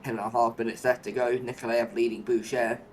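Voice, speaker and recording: A man's voice: mid-range voice, flat delivery, a little fast, slight background noise. A man commentating live on a motor race, play-by-play, narrating each move and posing running questions.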